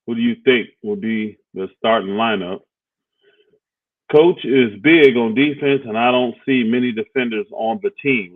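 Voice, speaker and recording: A mid-range male voice co-hosts a laid-back basketball chat stream, musing aloud and rambling with lots of filler words. The recording is dry and sounds like a phone.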